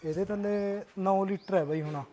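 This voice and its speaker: A soft-spoken man, a buffalo seller, answering in short replies. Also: sits high, fairly even intonation, normal speed.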